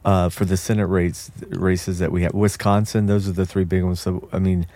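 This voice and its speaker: A man's voice: deep voice, level tone, moderate pace, warm tone, no room sound. A man co-hosting a political chat show, blunt and sarcastic, swearing casually. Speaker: co-host.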